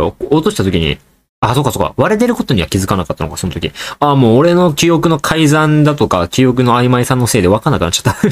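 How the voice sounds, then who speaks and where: Male solo podcaster, casual and rambling, addresses listeners directly, quick delivery. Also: medium pitch. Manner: rambling, joking, talks straight to listeners. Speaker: podcast host.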